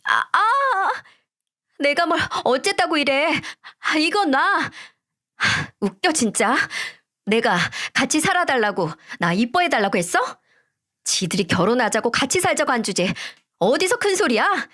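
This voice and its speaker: A woman's voice: sits high, very animated, measured pace, sharp tone, voice pushed up, heavily acted. A woman voicing a spiteful, defiant middle-aged wife who sneers back at her accusers.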